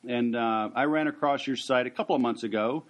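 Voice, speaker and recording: Halting male podcast host, mid-range voice. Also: mid-range voice. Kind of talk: casual podcast interview.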